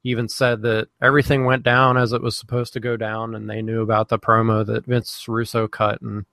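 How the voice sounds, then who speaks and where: A man hosting a live podcast in casual chat, halting with many fillers and restarts. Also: on the low side, completely flat delivery, creaky, bright, forceful tone, dry recording. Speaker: podcast host.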